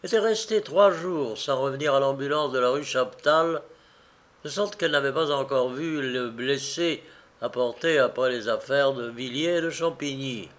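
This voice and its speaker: A man reading a classic novel aloud in a slow, measured, expressive narration. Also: medium pitch. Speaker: audiobook reader.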